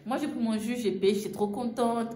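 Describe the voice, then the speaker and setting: A woman's voice: a little high, steady tone, brisk, mellow. A young woman from Gabon, casually telling a travel story, full of fillers and asides. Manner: chatty, frequent fillers and "en fait". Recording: echoey room, faint ambient noise.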